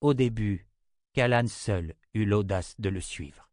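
A man giving a scripted audiobook narration of a novel, in an even, literary reading style. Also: lowish voice, takes it slowly, dry recording, clean studio sound.

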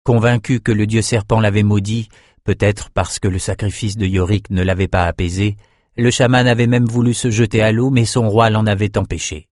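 A man narrating an audiobook in a steady, measured storytelling voice, close to the mic. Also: fairly low pitch, no room sound.

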